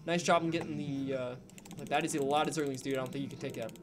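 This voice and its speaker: A young man co-hosting a gaming channel, giving chatty, excitable commentary while a friend plays. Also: mid-range voice, quick pace, noisy background. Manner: chatty, excitable, cheering on a player. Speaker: gaming channel co-host and caster. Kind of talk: casual live-stream game commentary. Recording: game music playing behind.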